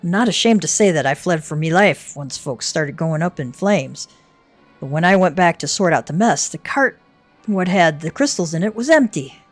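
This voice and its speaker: A woman voicing a gruff male miner from a fantasy game, reading with blunt, folksy speech in a low voice. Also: expressive, normal speed, no echo, soft background music. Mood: grudging.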